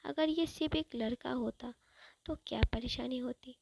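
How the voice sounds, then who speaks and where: Woman reading as an old grandmother, chiding and fussing, high voice, gravelly edge. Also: moderate pace, noisy background. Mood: fond. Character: older grandmother, scolding but loving.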